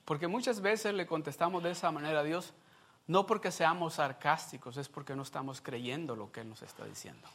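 A man's voice: a little high, fairly quick, a bit bright. A man preaching a Sunday sermon in a conversational way, often asking the congregation questions. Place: church service.

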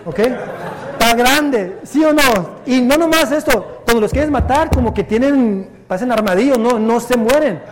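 High-voiced preacher in an echoing hall. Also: male voice, unhurried, noisy background. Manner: lively storytelling preacher, switching between Spanish and English. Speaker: pastor. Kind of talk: bilingual Sunday sermon with anecdotes. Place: church sanctuary.

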